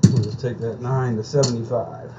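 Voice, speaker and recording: A man's voice: mid-range voice, level tone, normal speed. A man talking like a craps table caller, calling rolls and narrating bets in terse, clipped phrases. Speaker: craps player calling his own practice rolls. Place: indoors at a home craps table. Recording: dull lo-fi sound, clear background noise.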